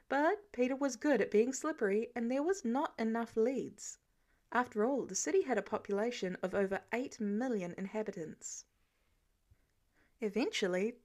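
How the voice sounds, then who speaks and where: A woman reading fan fiction aloud as an audiobook, telling the story with expressive, animated delivery. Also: fairly high pitch. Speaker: podfic reader.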